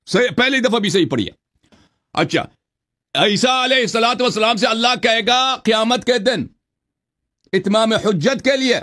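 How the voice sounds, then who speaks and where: A man argues insistently in a heated religious debate, cutting in and slowing down to recite verses. His voice is high and bright. It has a forceful edge. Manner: insistent, argumentative, recites scripture slowly.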